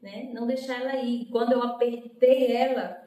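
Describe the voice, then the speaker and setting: A woman's voice: fairly even intonation, normal speed, dark tone. A woman giving an emotional personal testimony as a guest, acting out the voices in her story. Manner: storytelling, acts out quoted speech with rising pitch. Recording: echoey room, mic at a distance.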